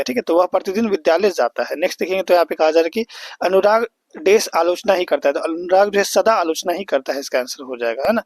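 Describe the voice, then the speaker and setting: A young male tutor, his voice pitched high, walks his students through an exam-prep grammar lesson one step at a time. He keeps checking that they are following as he goes. The recording is close and dry, with no room sound. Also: no echo. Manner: explains step by step, repeats and checks with "है ना". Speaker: teacher.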